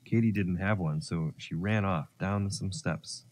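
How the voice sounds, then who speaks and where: A man narrating a children's story, gentle and expressive. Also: sits low, unhurried.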